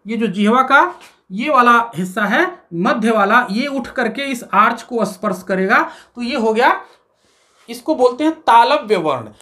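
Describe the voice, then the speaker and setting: Woman, fairly high voice, grammar teacher, classroom lesson, recites letters slowly. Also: lively intonation, pushed and bright. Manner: explains step by step, asks questions and answers them herself.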